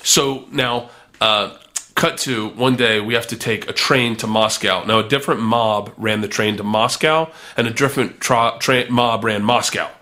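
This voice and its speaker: A man telling a long story in a casual chat, animated and acting out the people in it. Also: medium pitch, moderate pace. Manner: animated, does voices of people in his story.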